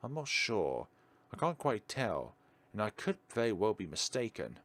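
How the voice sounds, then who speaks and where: His voice is on the low side and fairly bright, swinging hugely in pitch at a normal speed. As a gaming video host doing a let's play, he gives visual novel text an expressive reading and adds chatty asides over game music.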